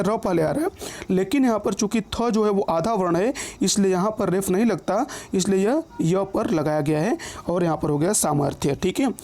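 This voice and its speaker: A man teaching an online grammar lesson, patiently repeating each word and rule slowly and often checking in with his listeners. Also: high-pitched, darkish tone.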